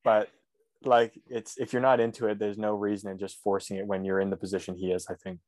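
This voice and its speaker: A man's voice: lowish voice, little pitch movement, brisk, darkish tone, no room sound. A man co-hosting a podcast in casual chat, joking sarcastically and swearing casually. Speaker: podcast co-host.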